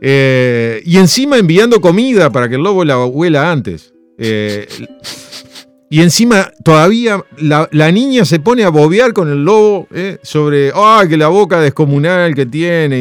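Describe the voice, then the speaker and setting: A man hosting a radio show, telling a story with lively rhetorical questions. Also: on the high side, normal speed, no echo, faint music behind. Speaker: radio host. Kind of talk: radio chat and story reading.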